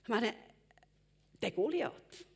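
Woman, preacher, sermon, high voice, breathy, emphatic, loud and hushed by turns. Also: big pitch swings, slow. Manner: emphatic, swings between loud exclamations and hushed lines.

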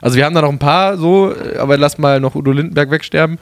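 A man's voice: fairly high pitch, fast, dry recording. Chatty man in a dry room. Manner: chatty, laughs often, trails off and restarts. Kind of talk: casual chat.

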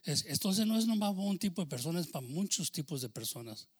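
A man preaching a sermon, shifting between loud proclaiming and quiet, confiding testimony. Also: on the high side, sing-song, brisk, husky. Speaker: pastor.

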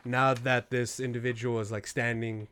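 A man's voice: medium pitch, level tone, normal speed, fairly bright tone, smooth. A man playing in a tabletop game, joking and hesitant, with many fillers. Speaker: player. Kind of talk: casual tabletop play.

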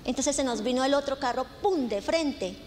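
A woman's voice: high voice, animated, normal speed, a little mellow. A woman pastor, preaching a sermon in an emphatic storytelling way, stacking lists and repeated phrases. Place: church hall. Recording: reverberant church hall with faint noise.

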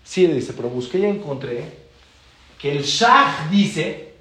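A man's voice: slow pace, echoey room. A man, a rabbi teaching a class, telling stories and acting out the dialogue. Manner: animated, acts out dialogue with shifting pitch. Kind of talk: storytelling lesson.

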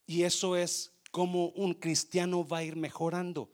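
A man preaching a sermon as pastor, animated, swinging between loud exhortation and quiet asides, mixing English phrases into his Spanish. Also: sits high, moderate pace.

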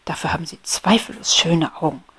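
A woman's voice: low voice, fairly quick, pushed and bright, husky, exaggerated voice. A woman voicing a prim, grumpy but polite male rose beetle in a whispered storybook role-play, formal in tone. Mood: courteous. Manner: formal, indignant scolding.

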